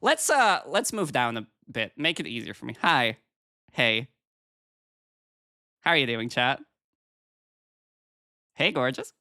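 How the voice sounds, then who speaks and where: A woman's voice: rumbling low, big pitch swings, takes it slowly, long pauses, sharp tone, no room sound, studio quality. A woman with a cute, cheery anime-streamer delivery, chatting casually with viewers on a livestream as a VTuber.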